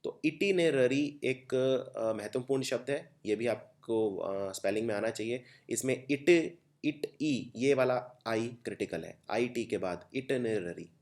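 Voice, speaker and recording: A man's voice: mid-range voice, a little slow, hardly any pauses, darkish tone. A young man with an Indian accent teaching exam vocabulary, explaining step by step and spelling words out letter by letter. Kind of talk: exam-prep vocabulary lesson.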